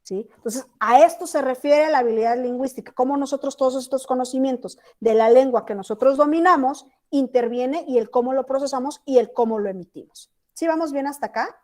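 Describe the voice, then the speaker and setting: A high-voiced woman teacher from Chiapas, Mexico, gives an online class lecture over a video call. She keeps checking whether her students are following along. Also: a little fast, few pauses, warm tone. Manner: checks in often with students, asking "¿sí?".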